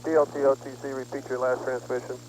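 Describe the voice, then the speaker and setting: A man's voice: medium pitch, flat delivery, fast, darkish tone, slight background noise, low-quality recording. A man making clipped, businesslike procedural calls as a launch conductor on a radio loop. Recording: humming intercom radio loop.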